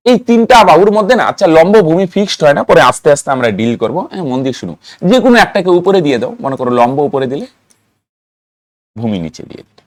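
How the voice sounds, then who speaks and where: A man teaching math, asking pupils questions and then answering them himself. He repeats key terms in a sing-song rhythm so they stick. His voice sits a little high, and the recording is dry with no room echo. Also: sing-song, very fast. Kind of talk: classroom-style lesson to students.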